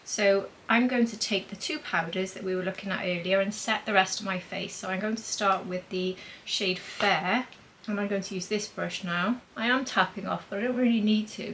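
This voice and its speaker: A woman's voice: medium pitch, fairly even intonation, normal speed, hardly any pauses, fairly bright tone, slight background noise, rough recording. Chatty woman doing a makeup demo. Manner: chatty, thinking aloud while applying makeup. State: talking with a mint in her mouth. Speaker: beauty vlogger. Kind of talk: makeup demonstration vlog.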